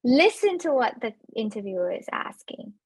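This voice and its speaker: A woman in her thirties with an accent gives animated webinar coaching, laughing easily and talking straight to her audience. Her voice sits fairly high and sounds a little husky. The recording is dry and close. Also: normal speed, no room sound. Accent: non-native English accent. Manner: animated, laughs often, speaks directly to listeners. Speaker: webinar speaker on residency interviews.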